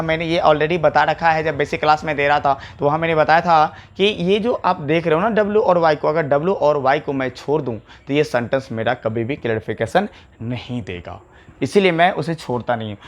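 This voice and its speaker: High-voiced man teaching grammar. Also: brisk. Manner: explains, repeats words, asks rhetorical questions. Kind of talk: classroom lecture to camera. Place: classroom with a whiteboard.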